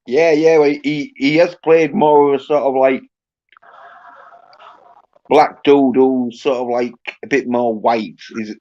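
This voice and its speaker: Halting man hosting a livestream. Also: mid-range voice, steady tone, mellow. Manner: halting, heavy on fillers and restarts. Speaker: livestream host. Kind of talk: casual chat. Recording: muffled lo-fi audio.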